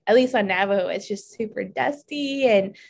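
A woman's voice: mid-range voice, moderate pace, gravelly, darkish tone. A woman podcast co-host in casual chat, listening supportively and filling her speech with "like" and "you know".

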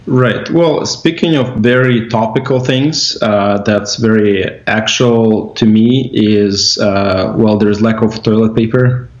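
A man with a Russian accent, a company executive being interviewed, talking casually with many pauses and restarts. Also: fairly low pitch, steady tone. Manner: hesitant, many uh fillers and restarts. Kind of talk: casual interview over a video call. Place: at home in an indoor room. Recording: dull, echoey room sound.

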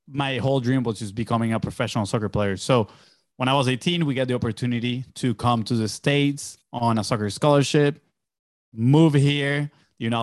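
An upbeat young Venezuelan man, appearing as an entrepreneur guest on a podcast, chats casually in an interview. His mid-range voice is recorded dry with studio quality, and he tells stories loosely, using lots of fillers.

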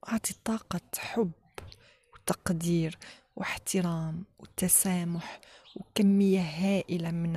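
A woman with an Algerian accent leads a guided relaxation in a soft, often whispered voice, giving short instructions with pauses between them. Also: fairly low pitch, breathy edge. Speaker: guided meditation leader.

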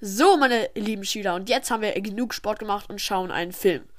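A woman's voice: mid-range voice, fairly quick, lightly acted. A woman playing a jokey, bossy male substitute teacher in a homemade story. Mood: breezy.

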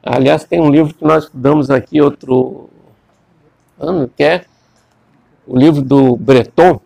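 A man's voice: medium pitch, measured pace, gravelly, mellow, no room sound. A man giving a classroom lecture, rambling and repeating words as he questions his students.

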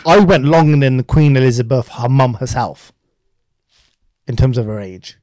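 A man's voice: medium pitch, moderate pace, a little mellow, dry recording. A young man with a southern English urban slang accent, bantering casually and telling boastful, laddish stories full of bro talk.

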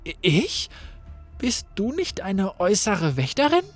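A man's voice: high voice, wildly swooping pitch, unhurried, faint music behind, pitched above the performer's own voice, heavily acted. A man reading the lines of an unsure young heroine in a game story, hesitant and thoughtful.

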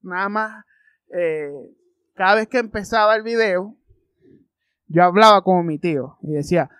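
A man with a Maracucho Venezuelan accent telling crude comedic stories as a vlogger, animated and profane, with sudden loud outbursts. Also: high voice, normal speed, clean tone, no room sound. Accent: Maracucho Venezuelan Spanish. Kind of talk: comedic storytelling.

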